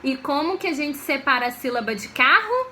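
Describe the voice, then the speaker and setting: A woman teacher, giving a video lesson for children in a slow, patient way and often checking that they follow. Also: high-pitched, lively intonation, pushed and bright, slight background noise. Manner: slow, patient, checks understanding with frequent questions.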